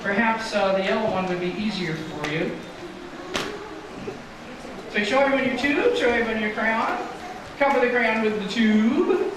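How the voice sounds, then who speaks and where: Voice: medium pitch, lively intonation, normal speed, long pauses, background noise. Echoey kids party magician, heard from afar. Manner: kids party magician patter, coaching a child volunteer step by step. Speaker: kids' show magician and entertainer. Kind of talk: live children's stage show. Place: live show in an echoey room. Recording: echoey room, far from mic, loud music.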